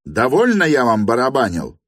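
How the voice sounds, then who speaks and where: A man reading an audiobook, voicing an irritable young male guest who shouts his complaints. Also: medium pitch, very animated, moderate pace, slightly rough, no room sound, clean studio sound, voice pushed up. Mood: exasperated. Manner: shouting, exasperated.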